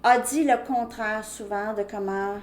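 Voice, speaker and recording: A woman's voice: mid-range voice, measured pace. A woman giving a casual tarot card reading, chatty and thinking aloud with lots of fillers. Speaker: tarot reader. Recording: echoey room, faint background noise.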